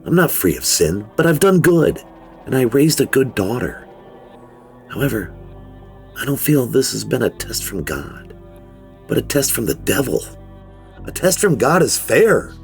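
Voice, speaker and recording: A man narrates a horror story as a weary, fearful middle-aged father, confessing in the first person with grave, measured delivery in a low, gravelly, sing-song voice. Faint music plays behind, and the mood is anguished yet resolute.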